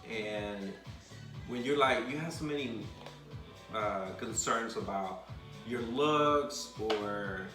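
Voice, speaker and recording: Forty-year-old man chatting at home. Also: medium pitch. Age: 40s. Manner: curious, teasing, reflective. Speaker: co-host, partner. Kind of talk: casual chat. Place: home dining room. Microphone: far camera. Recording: echoey room with music behind.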